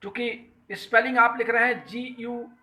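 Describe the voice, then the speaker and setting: A man with a strikingly high, bright and forceful voice, speaking Hindi with an Uttar Pradesh accent. He hosts a live call-in talk, greets callers by name and earnestly explains an article point by point. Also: fairly even intonation, normal speed, low-quality recording. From Uttar Pradesh, India. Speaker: host of a health talk show.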